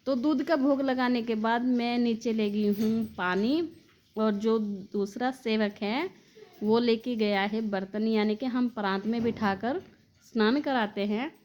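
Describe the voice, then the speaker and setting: A woman narrating a devotional story in a slightly high voice. She speaks fondly and directly to her listeners as dear devotees, in a plain storytelling manner. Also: a little slow, a little mellow.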